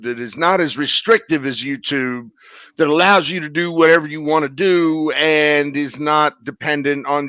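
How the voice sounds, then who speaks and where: A man speaks as a guest over a video call, laying out his point slowly and repeating it. His voice is bright. The sound is close and dry, with no room around it. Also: a little high, clean tone, no room sound. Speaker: guest on a live stream. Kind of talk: casual video call chat.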